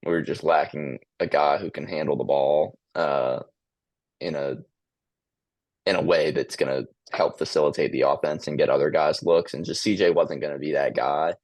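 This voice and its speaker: Monotone man on a sports podcast. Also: very deep voice, moderate pace, no echo. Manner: hesitant, many ums and restarts. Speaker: podcast co-host. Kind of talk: casual sports chat.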